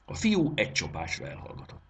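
A man narrating a children's story aloud in an expressive reading. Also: sits low, breathy edge. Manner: expressive, lilting delivery.

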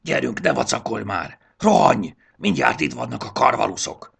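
A man voicing a bossy, anxious young male creature who shouts warnings in a gravelly voice. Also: deep voice, full character voice. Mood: panicked. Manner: urgent, scolding shouts.

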